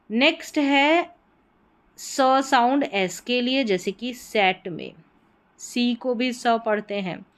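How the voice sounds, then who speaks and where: Patient woman teaching pronunciation. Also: on the high side. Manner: patient, repeats each example word slowly. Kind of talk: explaining spelling sounds to learners.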